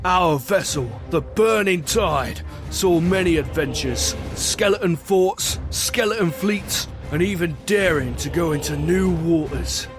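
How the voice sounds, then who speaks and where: A bearded pirate captain played by a man spins his adventure in a rather high voice over music. He is hearty and boastful, with a wistful streak, and talks in salty dialect like a storyteller in an audio drama. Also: measured pace, few pauses, lightly acted. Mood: storytelling. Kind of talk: scripted pirate adventure narration.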